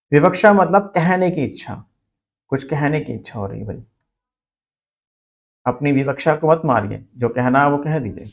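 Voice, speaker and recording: A man teaching a Hindi spelling lesson for exam students, repeating each word slowly so it sticks. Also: fairly high pitch, creaky.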